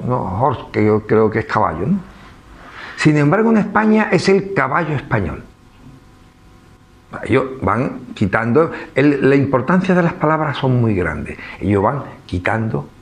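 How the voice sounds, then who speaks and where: Speaking with an Andalusian Spanish accent at an ordinary middle pitch, a man addresses the audience at a book presentation. His informal lecture is relaxed and peppered with rhetorical questions and a tagged "¿no?".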